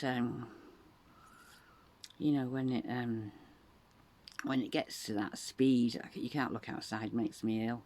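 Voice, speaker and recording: A woman's voice: extremely low pitch, darkish tone. A woman in her sixties from England, talking in a rambling, chatty monologue and animating her voice when quoting others. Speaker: vlogger. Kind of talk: casual monologue.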